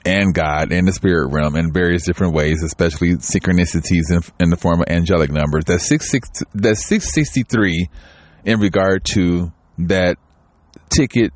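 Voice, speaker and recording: A man's voice: low-pitched, moderate pace, no echo. A man talking candidly in a home vlog, rambling with many restarts and growing tearful. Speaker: channel host. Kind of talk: casual personal vlog talk.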